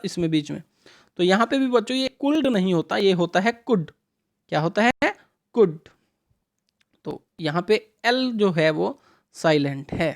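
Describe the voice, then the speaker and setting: A woman teaching a revision English lesson to schoolchildren, asking questions and answering them herself, reading English lines out slowly, mixing Hindi with English words. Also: medium pitch, a little mellow. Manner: reads English sentences out slowly.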